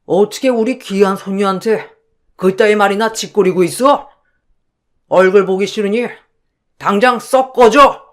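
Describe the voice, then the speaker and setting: An actor playing a stern, domineering elderly father-in-law who shouts reprimands in an audio drama. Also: sits high, unhurried, long pauses. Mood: furious.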